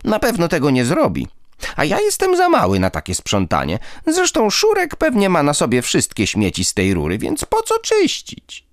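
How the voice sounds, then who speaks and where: A man's voice: a little high, wildly swooping pitch, normal speed, no room sound, clean studio sound, voice pushed up. A man voicing a restless, cheeky little ghost boy who mutters sulkily. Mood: sulky. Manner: muttering, sulky.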